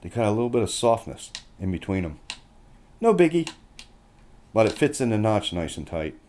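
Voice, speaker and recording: This guitar reviewer's voice is lowish and a little mellow, with a sing-song lilt at normal speed, and there's a little hiss or hum. He casually walks through a guitar inspection step by step, plainspoken and folksy, in a hands-on product walkthrough.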